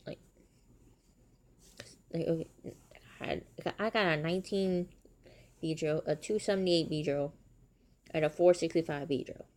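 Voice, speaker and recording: A woman's voice: low voice, a little slow, pauses often, darkish tone. A woman chatting casually as she plays a mobile game on her stream, talking in a chatty way and breaking into surprised exclamations.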